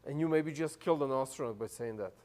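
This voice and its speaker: A medium-pitched, darkish-toned man speaks at a quick pace. In his thirties and not a native English speaker, he preaches a conversational sermon in accented English, leaning on fillers and restarts and quick to laugh.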